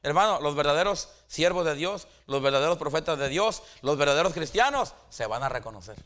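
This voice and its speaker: A middle-aged pastor preaching a sermon in a somewhat high voice. He stumbles into repeated restarts and keeps addressing his listeners as brothers. His delivery swings from raised, emphatic peaks to quiet, low asides. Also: expressive, a little fast. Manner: stammering restarts, calls the congregation brothers, pitch swings high and drops low.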